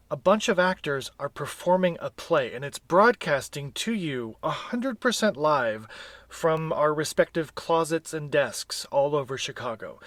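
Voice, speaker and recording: A middle-aged American man hosts a podcast, giving a scripted introduction of a guest and then a live conversational interview. His voice is a little high, with no echo.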